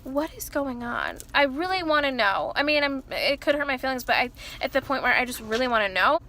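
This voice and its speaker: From inside her car, an early-twenties woman with a high, loud, animated voice talks fairly quickly to camera in a casual confessional vlog. She wanders off track, cuts herself off, restarts, and leans heavily on fillers such as "like" and "you know."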